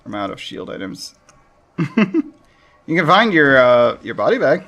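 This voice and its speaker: A man streaming a shooter game, chatting casually and thinking out loud with frequent chuckles. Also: medium pitch, big pitch swings, a little slow. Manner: chuckles often, thinks aloud. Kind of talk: casual gameplay chat.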